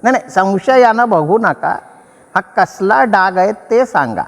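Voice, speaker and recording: A man voicing a flustered middle-aged husband who speaks in a hushed, anxious, pleading way. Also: high-pitched, expressive, unhurried, gravelly, voice pushed up, heavily acted. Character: flustered middle-aged henpecked office clerk. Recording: long reverb.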